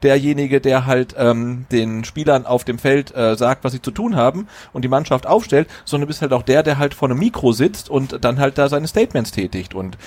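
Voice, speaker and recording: A man's voice: medium pitch, animated, brisk, few pauses, darkish tone, no room sound. Opinionated man talking football. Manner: opinionated, frequent fillers and restarts. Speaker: podcast co-host. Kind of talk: casual football podcast discussion.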